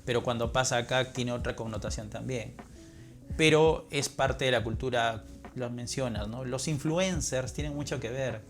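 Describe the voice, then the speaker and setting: A man's voice: medium pitch, normal speed, soft background music. A man with a Lima Peruvian accent, a literature professor talking as an interview guest, explaining in a teaching manner and answering his own questions. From Peru.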